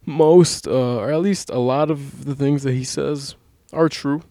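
A man's voice: mid-range voice, fairly even intonation, unhurried, warm tone, no room sound, studio quality. Casual, swearing young man. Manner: rambling, swears a lot, laughs often. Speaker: podcast co-host. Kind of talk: casual chat.

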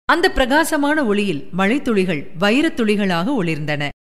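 Expressive woman reading a story. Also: medium pitch, a little slow, long reverb tail. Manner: expressive storytelling, acting out characters' lines. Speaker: audiobook narrator. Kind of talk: audiobook reading of a novel.

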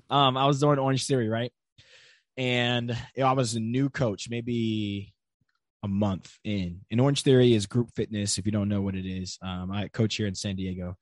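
A man's voice: fairly low pitch, normal speed, no echo, studio quality. A young man talking as a podcast guest in casual conversation, earnest and storytelling, with many filler words.

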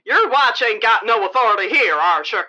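A woman voicing a blustering, tough prison guard who barks threats loudly and quickly. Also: fairly high pitch, animated, heavy background noise, close to an everyday voice. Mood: gruff barking. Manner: barking threats, loud and fast.

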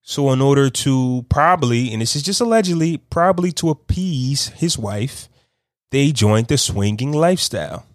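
A man hosting a podcast, giving casual unscripted commentary, talking slowly and thinking aloud with frequent restarts. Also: medium pitch, lively intonation, no room sound, studio quality. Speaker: podcast host.

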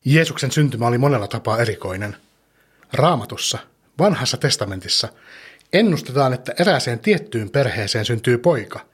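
A man hosting a children's podcast, gently telling a story and asking the young listener questions. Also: mid-range voice, animated, husky.

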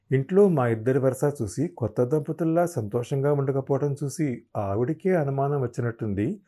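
A man narrating a serialized novel in a measured, unhurried storytelling manner. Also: medium pitch, warm tone. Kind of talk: scripted audiobook narration.

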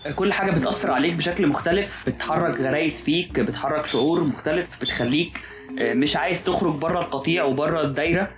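A man's voice: a little high, quick pace, over loud music, poor audio. A young man with an Egyptian Arabic accent, thinking aloud in a casual philosophical podcast chat, hesitant and musing. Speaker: podcast co-host.

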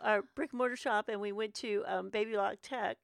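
A woman co-hosting a podcast, telling stories in an animated way. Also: medium pitch, fairly quick, vocal fry, no echo, clean studio sound. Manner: animated storyteller, interrupts and laughs. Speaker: podcast co-host. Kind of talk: casual chat.

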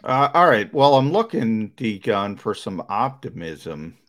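A man's voice: on the low side, very animated, slow, fairly bright tone. A man hosting a sports talk show, asking his co-host questions in a searching, conversational way.

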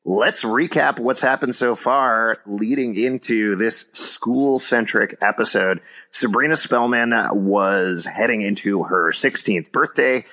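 A man's voice: on the low side, slow pace, bright, forceful tone. A man co-hosting a podcast in casual, joking chat, laughing often as he recaps an episode at length. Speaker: podcast co-host.

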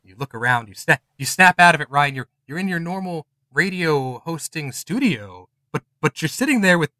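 A man acting as game master, improvising horror game narration in a halting way, often repeating words. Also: a little high, big pitch swings, pushed and bright, no echo.

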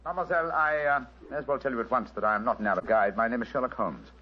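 An actor playing a composed, courteous English gentleman detective, British accented and assured, in an old radio drama. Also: medium pitch, lively intonation, breathy edge. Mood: reassuring. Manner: polite, brisk, assured. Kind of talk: 1940s radio drama acting. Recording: dull old radio recording, music behind.

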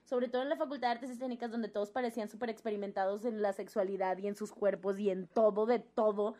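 This young woman, who has a Mexican accent, speaks quickly at a medium pitch while sharing a personal anecdote in relaxed conversation. Her telling is lively, and she imitates the voices of the people in the story.

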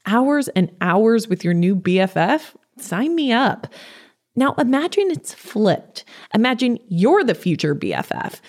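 A woman's voice: on the high side, darkish tone. Upbeat, tidy advice-vlogger woman hosting. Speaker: podcast host giving advice. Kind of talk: scripted upbeat how-to narration.

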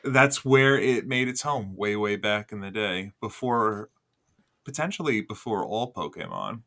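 A man's voice: lowish voice, sing-song, measured pace, fairly bright tone. A man with a New Jersey accent, co-hosting a podcast in casual group chat. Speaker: podcast co-host.

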